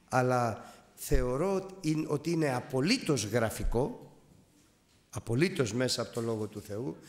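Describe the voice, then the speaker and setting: A man preaching fervently, his mid-pitched voice swinging widely up and down as he tells his story. He repeats phrases for emphasis and breaks into exclamations. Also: darkish tone. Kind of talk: sermon with a personal testimony.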